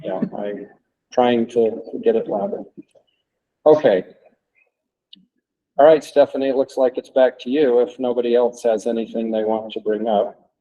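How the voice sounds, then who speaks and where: A man chairing a public committee meeting, running through agenda items and inviting comments in a measured, procedural way. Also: mid-range voice, steady tone, warm tone, muffled recording.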